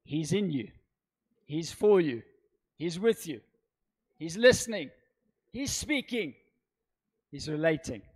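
In a church hall full of seated listeners, a middle-aged man delivers a sermon into a handheld microphone on stage, his fairly high voice swinging widely in pitch with a breathy edge. He takes it slowly and pauses often, emphatically repeating brief phrases and lengthening key words.

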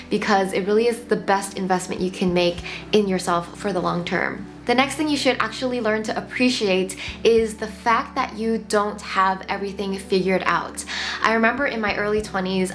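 A woman in her late twenties hosting a casual vlog, reflecting with gentle advice and lots of "like" fillers, filmed sitting on the floor at home. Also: medium pitch. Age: 20s. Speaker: lifestyle channel host. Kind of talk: casual talking-head vlog. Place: home room, seated on the floor.

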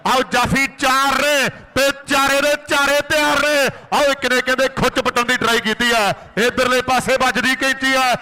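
A man's voice: extremely high pitch, level tone, moderate pace, hardly any pauses, pushed and bright, clear, resonant tone, rough recording. A man with a Malwa Punjabi accent delivers frantic rural sports commentary, a running play-by-play of kabaddi. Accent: Punjabi from Indian Punjab's Malwa region.

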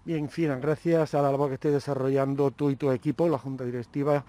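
A man's voice: mid-range voice, level tone, fast, dark tone. A man interviewing a guest for local television, speaking formally in long, winding sentences. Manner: formal, long-winded phrasing.

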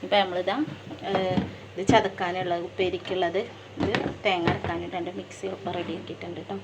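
A woman's voice: on the low side, flat delivery, quick pace, heavy background noise. A woman, a home cooking vlogger and mother, chatting casually to viewers as she cooks and tagging friendly asides onto her sentences. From Malappuram, Kerala. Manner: chatty, keeps adding friendly tag questions to viewers. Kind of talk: casual cooking vlog narration. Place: home kitchen while cooking. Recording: loud clattering pots, dishes and stirring.

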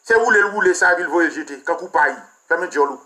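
Haitian male commentator, high-pitched, bright tone, scornful, crude, fired-up rant. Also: fairly quick. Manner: mocking, crude, animated. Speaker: political commentator. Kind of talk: heated political rant.

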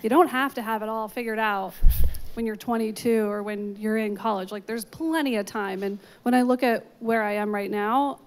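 A young woman on a panel speaking in a relaxed, reassuring way into a handheld mic. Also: mid-range voice, normal speed, clear, resonant tone. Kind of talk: panel discussion. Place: large atrium stage with audience.

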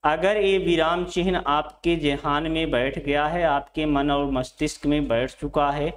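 A man's voice: on the high side, steady tone, a little slow. A middle-aged man teaching Hindi to exam students, repeating phrases, asking questions and answering them himself, and calling his students his children. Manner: addresses students fondly as children. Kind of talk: classroom lecture at a board. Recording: echoey room.

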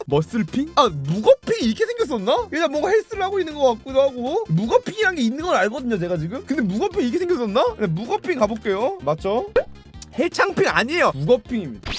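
A gaming YouTuber hosting a guessing game in casual commentary, joking around with sudden shouted outbursts. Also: mid-range voice. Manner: animated, joking, bursts of shouting.

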